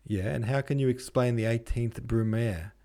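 A man's voice: mid-range voice, moderate pace, dark tone, pitched above the performer's own voice, lightly acted. A man voicing a contemptuous, blunt aristocrat. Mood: sneering. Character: cynical sneering young male aristocrat.

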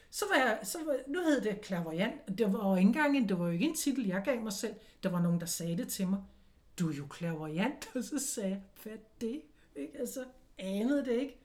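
Reflective Danish-speaking woman telling her story. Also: on the high side. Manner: reflective storytelling, animated quoting of inner voices. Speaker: interview guest, clairvoyant. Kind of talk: casual conversational interview.

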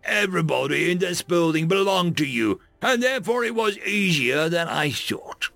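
A cold, mysterious hooded avenger, calm and cutting, as a male narrator puts the figure on. The voice sits raised and gravelly, with lively swings of pitch in a dry, close reading. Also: moderate pace, no room sound, faint music behind, full character voice.

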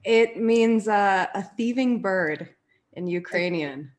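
A woman from Colorado, a yoga therapist guesting on a podcast, speaking in a relaxed, playful way. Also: mid-range voice, takes it slowly. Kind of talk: casual interview chat.

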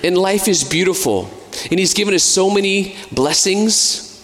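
Chatty preacher in an echoing hall. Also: male voice, sits high, animated, a little slow, a bit bright. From United States. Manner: conversational, with casual asides and fillers. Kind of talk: sermon. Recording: long hall reverb.

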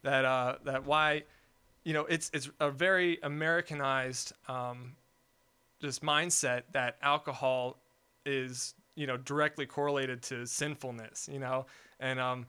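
A man's voice: medium pitch, steady tone, unhurried, pushed and bright, clean tone. A young man talking casually in a discussion, rambling with many fillers and restarts. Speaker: podcast guest.

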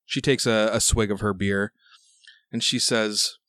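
A man working as game master, improvising narration in a halting, conversational way. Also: lowish voice, fairly even intonation, fairly bright tone, dry recording, studio quality. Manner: halting, conversational phrasing with repeated "like".

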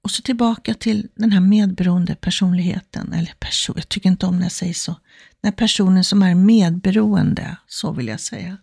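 Her pitch fairly low and her tone steady, this woman shares an example story in her role as a self-help speaker, slipping into quoted asides to act out what the characters are thinking. The studio-quality recording has no echo and catches a gravelly, husky, mellow voice.

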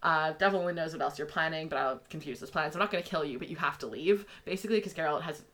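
Chatty podcast cohost w a bright voice, reads bits of a book out loud between lots of ums. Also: mid-range voice, rapid-fire. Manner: chatty, many fillers, reads passages aloud. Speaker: podcast co-host. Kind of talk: casual book discussion.

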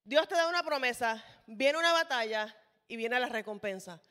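A woman preaches with passion, pressing her listeners with emphatic rhetorical questions. Her voice is high and bright, and each phrase trails into the long reverb of a large hall. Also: lively intonation, moderate pace. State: sweaty, toweling off. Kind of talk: sermon.

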